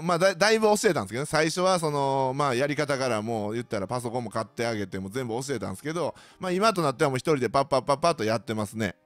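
Lively Kansai man chatting on a podcast. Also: mid-range voice, dry recording. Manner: animated, joking, mimics others' voices. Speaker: podcast host. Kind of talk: casual solo storytelling.

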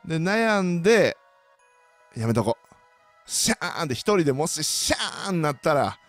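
A man's voice: on the high side, lively intonation, normal speed, fairly bright tone, faint music behind. A man with a Kansai accent tells a comic personal anecdote, full of sound effects and self-mockery.

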